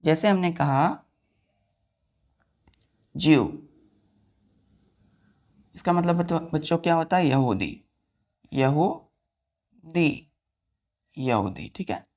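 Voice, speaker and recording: Speaking unhurriedly, with long pauses, a woman with a lowish, slightly mellow voice teaches grammar. She spells words letter by letter and repeats each answer, checking often that students understand.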